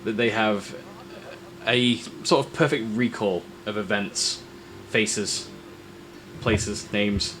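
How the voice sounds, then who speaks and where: A man acting as game master, telling an improvised tabletop adventure in short, halting, descriptive phrases. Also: on the low side, fairly bright tone, rough recording. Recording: faint background noise.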